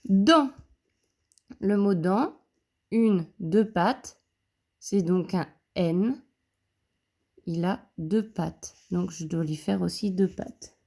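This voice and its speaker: A woman teacher giving a slow handwriting lesson to young pupils, counting each stroke aloud, filmed on her phone at a desk. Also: on the low side, creaky, a little mellow. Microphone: phone camera.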